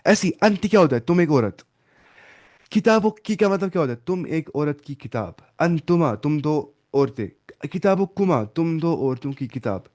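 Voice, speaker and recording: A man's voice: fairly high pitch, lively intonation, moderate pace, a little mellow. A man teaching an online Arabic lesson in Hindi, drilling grammar through repetition and often asking his students questions. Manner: repetitive drilling with hand gestures.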